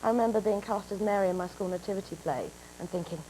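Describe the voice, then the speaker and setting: A woman's voice: mid-range voice, fast talker, a little hiss or hum, rough recording. A woman in her twenties with an English accent, a guest telling stories in a talk show interview. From England. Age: 20s. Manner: animated storytelling, breaks into laughter. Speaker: actress guest.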